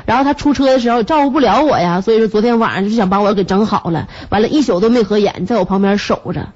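A woman's voice: medium pitch, fast talker, darkish tone. A woman radio host with a Northeastern Chinese accent and a stuffy nose from a cold, chatting in a teasing, comic monologue and laughing often. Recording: muffled radio broadcast recording.

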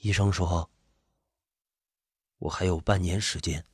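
A man voicing a dying middle-aged man who speaks low, hushed and hoarse, quiet but stubborn. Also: slow, dry recording, clean studio sound, exaggerated voice. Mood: grieving.

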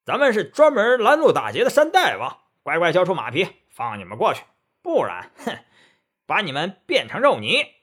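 A man's voice: on the high side, sing-song, fairly quick, hardly any pauses, bright, forceful tone, breathy edge, voice pushed up, exaggerated voice. A man voicing a fierce male mountain bandit chief in a storybook tale, bellowing threats. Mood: threatening.

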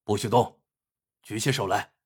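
A male storyteller voicing a hard, vengeful young bandit who talks gruffly and coldly. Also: fairly low pitch, steady tone, moderate pace, pitched below the performer's own voice. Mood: fierce. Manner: gruff, cold and menacing.

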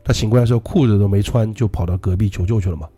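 A quick-talking male podcast co-host who retells listener ghost stories casually and laughs often. His voice is husky and dark, and soft music sits far in the background. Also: lowish voice.

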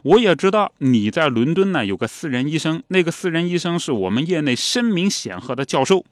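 A man voicing a self-assured male country doctor who speaks calmly with cutting, barbed remarks. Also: a little high, fairly quick, dry recording, clean studio sound, pitched above the performer's own voice. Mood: sardonic.

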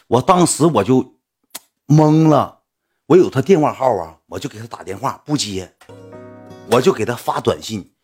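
Husky young man with Northeastern Mandarin accent. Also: medium pitch, expressive, moderate pace, pauses often, a little mellow, faint music behind. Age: young adult. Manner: rambling, repetitive retelling with many restarts. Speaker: livestream host. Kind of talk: casual storytelling to fans.

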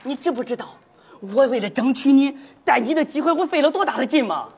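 An eager young army cook who brags and dodges blame, and he talks in a full of folksy exclamations. His voice rides high and swings widely. The stage recording carries a steady noise underneath. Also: fairly quick. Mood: excited, scolding. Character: eager, boastful young male army cook, quick with excuses. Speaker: cook soldier. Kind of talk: stage comedy sketch.

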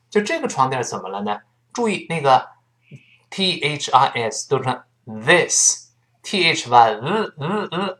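A man teaching a spoken English lesson in Mandarin Chinese, spelling words letter by letter and drilling phrases slowly. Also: mid-range voice, a bit bright.

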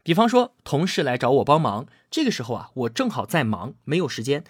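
Husky, lively man explaining a book. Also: mid-range voice, no room sound, studio quality. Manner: explanatory, acts out quoted lines; frequent drawn-out filler particles. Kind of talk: scripted narration.

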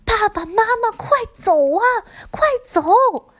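Brief: woman playing a scared ten-year-old girl from a storybook, high and loud. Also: very animated, normal speed. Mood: frightened. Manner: frightened, crying out.

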